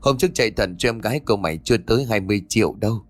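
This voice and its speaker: A man's voice: on the low side, racing, no echo, close to an everyday voice. A man narrator voicing a frantic, grieving elderly mother who wails and pleads. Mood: weary. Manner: wailing, pleading.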